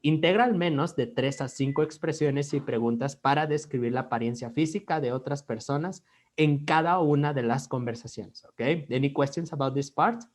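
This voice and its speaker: A male English teacher with a Mexican accent goes through a grading rubric in an online class. He mixes Spanish and English and keeps checking in with "ok?" between short phrases. His pitch sits in a middling range for a man. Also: normal speed. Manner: switches between Spanish and English, says "ok?" after nearly every phrase.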